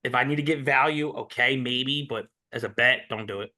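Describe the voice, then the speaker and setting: A man's voice: medium pitch, brisk, pushed and bright. A man co-hosting a sports betting podcast, talking in a rambling, opinionated casual way. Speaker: podcast co-host.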